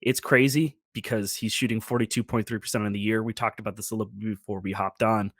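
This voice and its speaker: A man co-hosting a casual sports podcast, talking in an easygoing, relaxed way with lots of fillers. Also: lowish voice, fast, no echo, clean studio sound. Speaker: podcast co-host.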